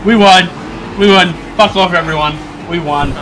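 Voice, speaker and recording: A man streaming a car football game, chatting casually with a friend, joking and swearing with sudden excited yelps. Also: high-pitched, normal speed, background noise. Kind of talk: casual gaming stream chat. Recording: game music behind.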